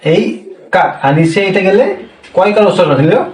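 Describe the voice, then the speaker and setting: A man's voice: high-pitched, darkish tone, distant mic, slight background noise. Patient man teaching a language lesson. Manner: slow, repeats each point, asks questions and answers them himself. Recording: roomy, from off the mic.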